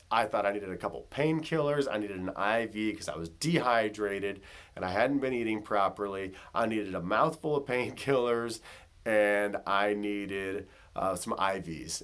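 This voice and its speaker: A man with a fairly low voice recounts his personal story straight to camera. He talks loosely and casually, with plenty of filler words and conversational asides. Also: fairly bright tone. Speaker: vlogger.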